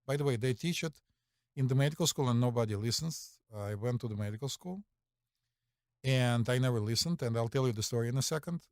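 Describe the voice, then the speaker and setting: A man's voice: medium pitch, fast talker, no room sound, clean studio sound. Confident Russian-accented man telling stories. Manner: confident, animated, many fillers and rhetorical "right?". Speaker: podcast co-host, physician. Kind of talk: casual storytelling chat.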